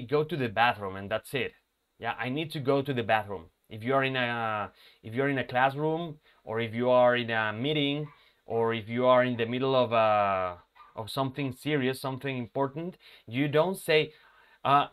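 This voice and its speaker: A male English teacher talks his students through a lesson at an unhurried pace. He repeats words slowly for practice and keeps asking whether they follow. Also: mid-range voice, fairly bright tone. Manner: checks in often with "ok?" and "ya?".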